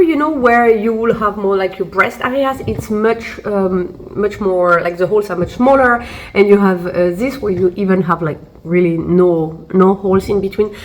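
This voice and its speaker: A fashion vlogger getting over a cold chats her way through a casual try-on haul review, full of fillers and restarts. Her voice sits in the mid range, and the low-quality audio comes from a camera mic while she's seated.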